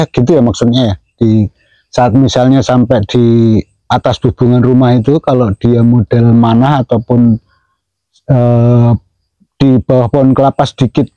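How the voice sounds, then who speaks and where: Man chatting, mellow voice. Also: mid-range voice, no echo, rough recording. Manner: imitates whooshing wing sounds, chuckles often. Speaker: pigeon keeper explaining to viewers. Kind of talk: casual explanatory talk.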